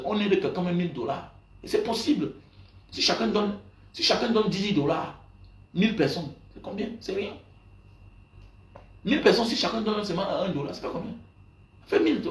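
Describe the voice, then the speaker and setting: A man's voice: high-pitched, far from the mic. A man, a pastor, chatting on a live stream to viewers, rambling and repetitive, greeting them by name and growing heated. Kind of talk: casual live-stream chat. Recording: echoey room, voice off-mic.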